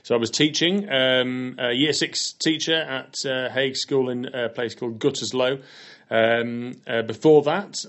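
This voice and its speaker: A man's voice: medium pitch, fairly bright tone. A man, a head teacher being interviewed, talking with many ums and restarts. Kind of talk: casual interview.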